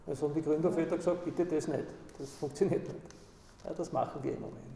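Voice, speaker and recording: A man talks in a gravelly, slightly high voice that wanders from point to point, often tagging his remarks with a questioning "Ja?". He sounds a little distant in a hall with a long echo. A faint room ambience sits behind him. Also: fairly even intonation, quick pace, dark tone. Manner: discursive, tags points with "Ja?".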